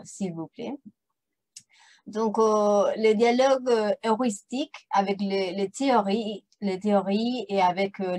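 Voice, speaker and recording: A woman anthropologist speaking French with a non-native accent, giving an academic presentation over a video call, halting and repeating words with frequent fillers. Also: medium pitch, a little mellow.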